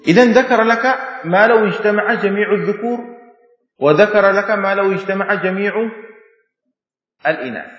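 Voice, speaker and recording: A man's voice: high-pitched, moderate pace, long pauses, a bit bright. A man teaching Islamic law in a classroom, repeating key terms and often checking that students follow. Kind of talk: classroom lecture explaining a text. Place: classroom with a board. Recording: dull echoey hall sound.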